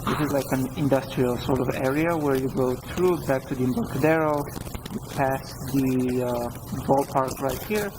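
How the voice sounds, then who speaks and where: A man's voice: medium pitch, background noise. A man chatting casually as he narrates his vlog. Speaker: vlogger.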